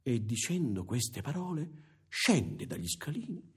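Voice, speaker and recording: A man performing a theatrical monologue, telling the story expressively, moving from hushed to emphatic and speaking directly to the audience. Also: mid-range voice, very animated, a little slow, slightly rough. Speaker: stage performer. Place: theatre stage.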